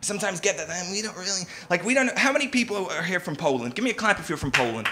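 A UK man performs stand-up comedy on a theatre stage with a handheld mic, in a live clip with crowd noise. His high-sitting voice has lively intonation and runs very fast, and his delivery is conversational and heavy on fillers.

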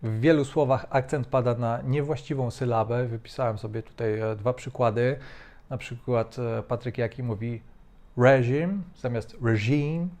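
Gravelly, mellow-voiced male language coach. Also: mid-range voice, fairly even intonation. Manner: measured, critical, with frequent hesitations. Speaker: host.

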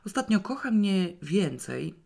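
A reader voicing an eager, impulsive young woman who talks in an excitable way. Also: mid-range voice, measured pace, creaky, voice pushed up, exaggerated voice. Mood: hopeful.

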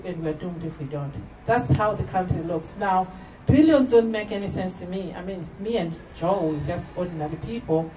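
A woman from Barbados speaking plainly and personally to a crowd outdoors. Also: medium pitch. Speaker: tour speaker. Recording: echoey, distant outdoor recording with noise.

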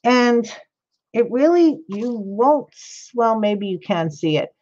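A woman's voice: on the high side, expressive, slow, a little mellow. A woman chatting casually to her livestream viewers while she works on a craft project, rambling and answering chat by name. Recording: slightly dull lo-fi stream audio.

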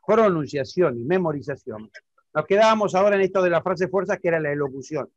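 A man's voice: sits high, dry recording, lo-fi sound. A man with an Argentine accent teaching public speaking in an online lesson, explaining step by step and often checking that the listener understands. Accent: Argentine Spanish.

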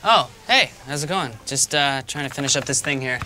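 A man's voice: medium pitch, animated, brisk, noisy background, lightly acted. An actor playing an uncomfortable, incredulous male office employee in sketch comedy, hesitant and protesting. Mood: uneasy, guarded.

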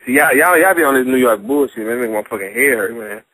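Brash St. Louis rapper, husky. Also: male voice, mid-range voice, animated, fast, bright, forceful tone, dry recording, rough recording. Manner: brash, boastful, profane, argumentative. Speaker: battle rapper. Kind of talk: heated casual debate.

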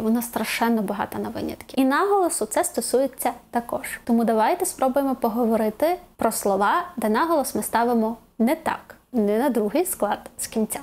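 Woman language teacher, high-ish voice, clear and methodical explainer, slows on examples. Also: darkish tone. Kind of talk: video lesson explaining stress rules.

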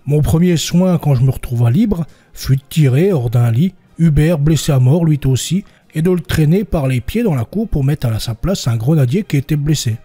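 A man narrating historical court testimony for a podcast, voicing the quoted villagers a little higher and stumbling now and then. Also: lively intonation, normal speed, hardly any pauses, dark tone, breathy edge. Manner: reads quoted villagers with raised pitch, slips and restarts.

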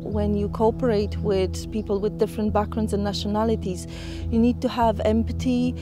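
A woman from Poland speaking in a documentary interview, upbeat and slightly halting. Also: medium pitch, little pitch movement, music in the background. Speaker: community member.

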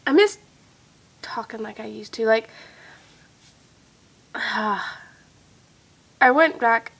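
A woman's voice: fairly high pitch, pushed and bright. A young woman vlogging to her viewers in a rambling, heartfelt way, her throat congested and phlegmy, sometimes dropping to a whisper. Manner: rambling, loses train of thought, drifts into whispers. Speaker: video blogger. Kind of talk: rambling heartfelt vlog talk.

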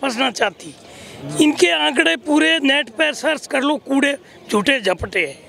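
A man's voice: extremely high pitch, animated, unhurried, creaky, pushed and bright. An older man from Rajasthan giving blunt, heated political opinions in a street interview, speaking into a handheld mic on a busy outdoor plaza. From Barmer, Rajasthan, India. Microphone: handheld mic held by interviewer.

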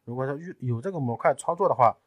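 A man in a technical tutorial, explaining each step patiently and often pausing with fillers. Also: mid-range voice, expressive, no room sound. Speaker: tutorial presenter. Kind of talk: screen-recorded technical tutorial.

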